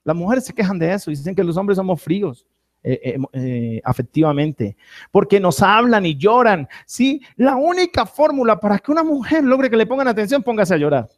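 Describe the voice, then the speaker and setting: A man preaching a sermon to a church congregation, asking questions and having them answer, swinging between loud and soft phrases. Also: high-pitched, sing-song, moderate pace. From Colombia. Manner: preaching with call-and-response to the congregation. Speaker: pastor.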